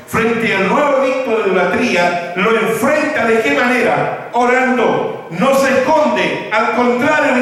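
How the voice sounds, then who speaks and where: A man preaching a sermon as pastor, his voice sweeping up and down in pitch. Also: a bit bright. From Chile. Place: large church hall. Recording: echoey church hall, mic far off.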